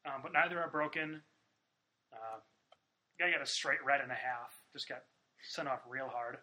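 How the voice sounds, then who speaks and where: A man's voice: mid-range voice, moderate pace, pushed and bright, low-quality recording. A man hosting a casual sports podcast, talking loosely with lots of fillers and swearing. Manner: loose, profane, filler-heavy. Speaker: podcast host.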